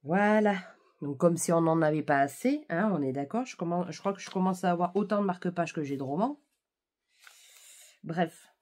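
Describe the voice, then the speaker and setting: Chatty low-voiced French woman book vlogger. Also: moderate pace, a little mellow. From France. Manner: chatty, many fillers and restarts. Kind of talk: casual chat.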